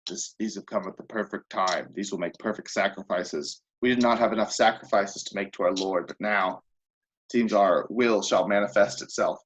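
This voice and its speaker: A man voicing a gloating male cult leader in a low, ominous tone. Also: moderate pace, dull audio, slight background noise, natural voice.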